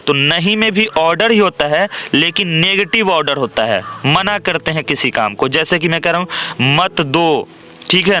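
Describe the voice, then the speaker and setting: A young male teacher walks through an exam-prep grammar lesson. His voice is bright and forward, sitting slightly high. He explains patiently, pausing often to check that viewers follow. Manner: explanatory, frequent "theek hai" check-ins.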